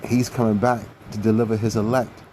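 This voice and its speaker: A man's voice: lowish voice, little pitch movement, brisk, background noise. A man giving an earnest sermon-style scripture teaching, emphatic and repeating key phrases.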